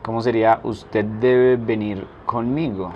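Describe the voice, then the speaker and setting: Guy teaching a language class super slow, repeats every phrase, faint hiss behind. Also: on the low side, steady tone, muffled recording. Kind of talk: French lesson taught in Spanish.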